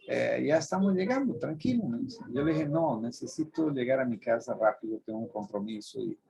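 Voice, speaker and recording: A man preaching with earnest conviction and telling everyday stories to drive home moral lessons. His voice is gravelly and husky, at a middle pitch. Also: a little mellow. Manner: earnest, storytelling, emphatic on moral points. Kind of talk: preaching talk with personal stories.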